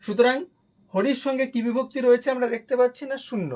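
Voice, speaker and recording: A man's voice: very high voice, fast talker, darkish tone, low-quality recording. A man teaching a grammar lesson, who explains each step patiently, repeats key terms, and asks questions that he answers himself.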